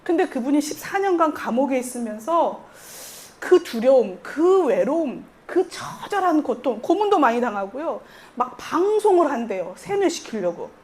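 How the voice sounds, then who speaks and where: A woman pastor delivers a Sunday sermon in an earnest, storytelling way. She speaks in a slightly high voice, acts out quoted lines, and shares light laughs with her congregation. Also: very animated, moderate pace, a little mellow.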